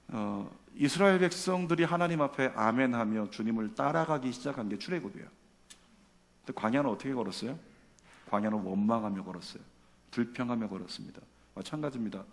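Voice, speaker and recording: A male pastor preaching a sermon, swinging between loud emphatic peaks and quiet, low asides, and reading scripture slowly with force. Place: church sanctuary. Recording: long reverb of a church hall.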